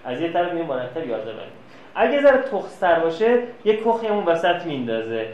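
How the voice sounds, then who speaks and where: Man lecturing lively in an echoey room. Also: a little high, dull audio. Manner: lively storyteller, plays out quoted dialogue. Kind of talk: classroom lecture with anecdotes. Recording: echoey room, faint noise.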